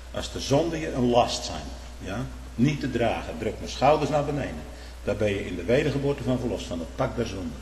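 A man preaching a fiery, denouncing sermon, swinging from quiet warnings to loud outbursts and repeating words for emphasis. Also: mid-range voice, slight background noise. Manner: tag questions like "hè?". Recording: echoey hall with long reverb.

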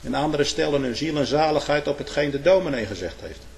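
Speaking fast with a creaky, expressive voice on the high side, a man preaches in old biblical wording. He alternates hushed asides with loud declarations and keeps inserting "hè".

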